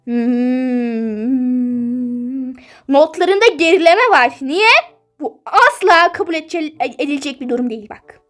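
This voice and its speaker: A woman's voice: sits high, animated, unhurried, long pauses, soft background music. A woman voicing a strict, nosy middle-aged mother in a toy-game role-play, scolding and suspicious.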